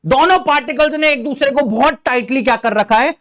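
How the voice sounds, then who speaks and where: An Indian man teaching science with a very high-pitched voice. He is playful and theatrical, and he acts out scenes and sound effects to explain ideas. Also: brisk, fairly bright tone. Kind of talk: playful classroom lesson with demonstrations.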